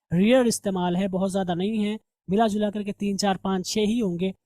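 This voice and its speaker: Mellow-voiced male grammar teacher. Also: high-pitched, no echo. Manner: explains step by step, asks and answers his own questions. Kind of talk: recorded revision lesson.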